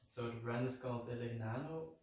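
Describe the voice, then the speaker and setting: Hosting his own channel, a man with a medium-pitched, darkish voice talks fairly quickly as he introduces a guest and poses questions, upbeat but a bit hesitant. He sounds off-mic in an echoey room, with faint music behind him.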